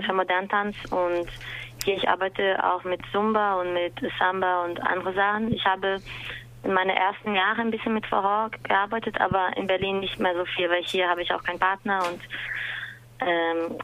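A woman in her twenties with a Brazilian accent, answering a live interview as a dance teacher in halting German and laughing often. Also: mid-range voice, lo-fi sound. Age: 20s. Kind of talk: live interview over a call.

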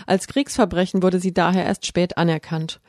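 A woman's voice: lowish voice, level tone, normal speed, darkish tone, no room sound, studio quality. A woman reading a scripted radio documentary narration in a sober, serious manner. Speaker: feature narrator.

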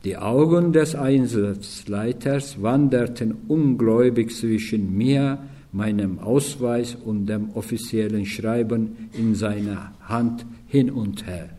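A man reading a first-person memoir aloud in a calm, measured way, with occasional slips and restarts. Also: medium pitch.

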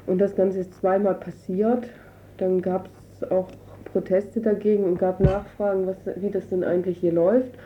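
In a noisy, dull, lo-fi radio recording, a woman from a refugee council answers interview questions off the cuff, casual and halting as she hunts for the right words. She speaks at medium pitch, flatly, at a moderate pace.

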